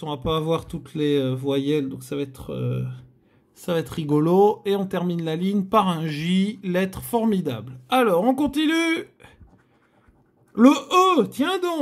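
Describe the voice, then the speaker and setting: A man's voice: on the high side, vocal fry. A man hosting a scratch-card video, giving chatty, theatrical commentary to his viewers as he scratches. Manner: chatty, theatrical, addresses viewers, frequent groans. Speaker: host.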